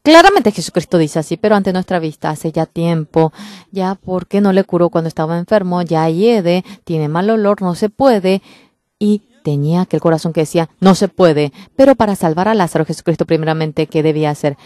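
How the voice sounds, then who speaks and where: A woman's voice: lowish voice, animated, a little fast, a little mellow, dry recording. A woman delivering a church sermon in a fervent, emphatic preaching manner. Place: church service.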